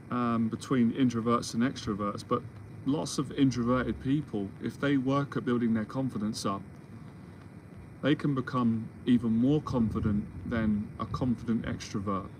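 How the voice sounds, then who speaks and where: Casting: man, 40s, mentor type, rambling reassuring monologue, mid pitch, audible background noise. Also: normal speed, rough recording. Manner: rambling, restarts often, reassuring. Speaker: confidence mentor. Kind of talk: solo Q&A monologue. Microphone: livestream or video call setup.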